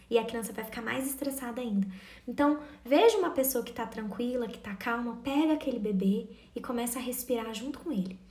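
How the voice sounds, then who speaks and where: Earnest woman, echoey room. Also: fairly high pitch. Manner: warm, earnest, addresses listeners directly. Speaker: parenting educator. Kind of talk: casual advice talk to parents.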